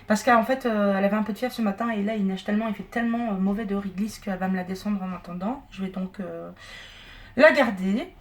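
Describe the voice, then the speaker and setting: A woman's voice: mid-range voice, fast talker. A woman chatting casually as a vlogger, rambling with lots of fillers, filmed on a handheld camera at home and out walking. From Turkish family. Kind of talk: casual vlog chat. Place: home and outdoors, on the move.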